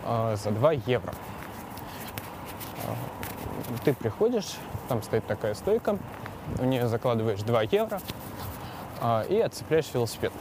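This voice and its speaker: Cycling through city streets, a podcast host delivers a casual, rambling and hesitant monologue in a mid-range, sing-song voice, measured and marked by long pauses. Loud traffic and city sounds fill the recording.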